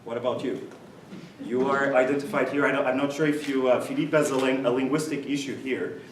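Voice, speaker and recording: A man's voice: medium pitch, fairly even intonation, a little fast, far from the mic, a little hiss or hum. Reflective man speaking from across an echoey room. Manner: reflective, self-deprecating humor. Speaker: interview guest. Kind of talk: conversational interview answers.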